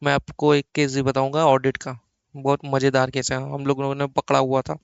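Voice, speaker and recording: A man's voice: mid-range voice, monotone, normal speed, gravelly, clear, resonant tone, highs cut off. A man teaching an accounting class, coaxing answers with repeated questions and acting out little dialogues. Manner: playful, acts out little dialogues. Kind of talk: classroom lecture.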